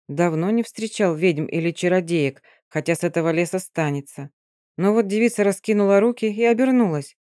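An audiobook narrator reading a first-person dark fantasy story in a steady storytelling manner. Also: medium pitch, no echo, clean studio sound.

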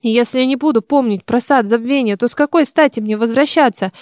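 Woman doing a scared brave little girl, high voice, defiant, audiobook, dry sound. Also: fast talker, a little mellow, no room sound, close to an everyday voice. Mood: frightened defiant. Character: frightened brave young girl. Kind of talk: audiobook character reading.

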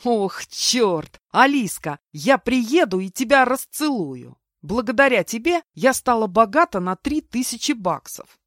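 A woman voicing a blunt, excitable young woman friend in an audiobook, speaking a little higher and louder than her narration. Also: normal speed, no echo, studio quality, close to an everyday voice. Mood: gleeful. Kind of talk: audiobook character voice.

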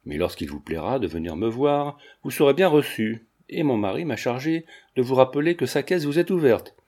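A haughty middle-aged mother speaks with cool irony, read by a man in an audiobook. The mellow voice stays formal and clipped. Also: mid-range voice, lively intonation, moderate pace, lightly acted. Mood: piqued.

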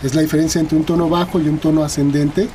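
A man's voice: a little high, little pitch movement, fast, warm tone, slight background noise. A man with a Mexican accent, a guest linguist explaining things in an interview, hesitant and full of fillers and tag questions.

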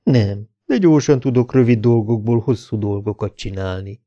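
A man voicing an affected, flirtatious woman at a bar who talks in a slow drawl. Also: fairly low pitch, dark tone, lo-fi sound, natural voice. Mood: coaxing.

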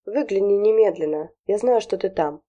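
A stern, furious mother who barks her commands, as a woman reads her. The voice is loud and raised, with a dark, weighty timbre. It is an audiobook reading. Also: mid-range voice, moderate pace, dull audio, lightly acted. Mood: angry. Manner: commanding, shouting.

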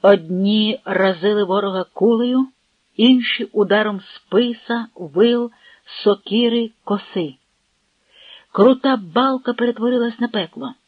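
A narrator reading a historical novel in a measured, dramatic way. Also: mid-range voice, dry recording, lo-fi sound.

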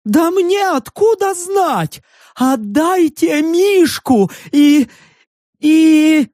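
A shrill, jumpy furry beast-man yelps and squeals his defenses, high-pitched and slow, dragging out his words, as a man puts him on. The voice is dry and close, with no room around it, in the manner of an audiobook. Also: animated, no room sound, full character voice. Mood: yelping, defensive. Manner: high yelping, defensive shouting. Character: jittery furry male beast-man, loud and touchy.

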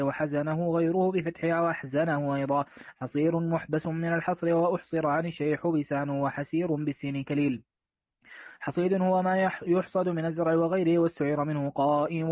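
A man reading a classical religious text aloud, with steady, measured recitation of definitions, as a student before his teacher. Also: a little high, no room sound. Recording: tinny phone-like recording, dry.

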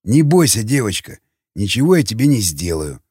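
A man voicing a calm, sardonic male cannibal with a baritone voice, mocking and quietly threatening. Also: normal speed, husky, no echo, clean studio sound.

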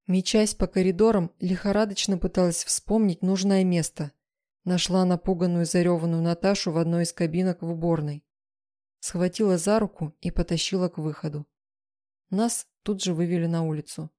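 A woman's voice: on the low side, steady tone, moderate pace, warm tone. Woman narrating a tense audiobook. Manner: tense, emotional storytelling. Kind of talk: first-person dramatic audiobook narration.

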